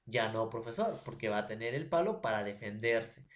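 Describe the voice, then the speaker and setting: Male teacher, Peruvian accent, patient explainer who keeps asking if the class follows, mid-pitched. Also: animated. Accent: Peruvian Spanish. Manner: explains slowly with a homely story, checks in with questions. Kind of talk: recorded classroom lesson.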